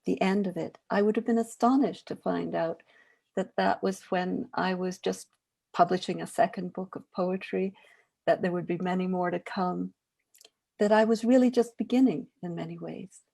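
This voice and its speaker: An older woman poet on a panel, speaking in a thoughtful, measured way. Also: medium pitch, vocal fry, mellow, slightly rough. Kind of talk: reflective panel talk.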